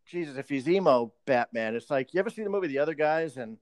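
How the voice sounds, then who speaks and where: High, lively man swearing in casual chat. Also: fast, dry recording. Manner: joking, swearing, slips into a mock British accent. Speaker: podcast co-host.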